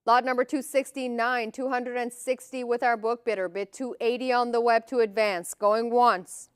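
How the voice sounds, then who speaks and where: A woman's voice: on the high side, steady tone, normal speed, smooth, dry recording, clean studio sound. A woman working as an auctioneer, calling lots and bids in a formal, clipped, repetitive manner.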